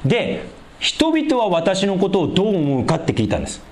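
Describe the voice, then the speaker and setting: Delivering a sermon at a brisk pace, this pastor throws rhetorical questions at the congregation. His pitch swoops wildly as he moves from loud emphasis to quiet, low stretches.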